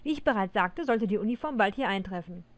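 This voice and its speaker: A woman's voice: mid-range voice, fast talker, lightly acted. A woman voicing a stern middle-aged father who speaks firmly and with authority in a read-aloud story. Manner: firm, final, calmly authoritative.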